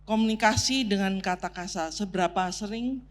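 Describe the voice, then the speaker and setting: A woman's voice: medium pitch, normal speed, a little hiss or hum. A woman preaching a sermon on marriage as a counselor, teaching point by point, sprinkling in English terms and drawing the congregation in. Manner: prompts the congregation to take part, laughs along. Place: church sanctuary.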